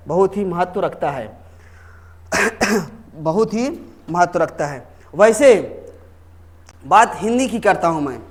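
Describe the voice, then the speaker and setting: A man teaching a grammar lesson to students, often repeating himself and asking them questions he then answers. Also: high-pitched. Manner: repeats and asks the class questions.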